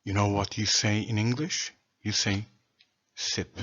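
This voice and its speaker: A man delivers a solo lecture in a low, slightly husky voice. He speaks very slowly and deliberately, setting out word after word. The recording sounds dull and lo-fi. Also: fairly even intonation, a bit bright. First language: Turkish. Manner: slow, deliberate, lists words one by one. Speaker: presenter of a language theory.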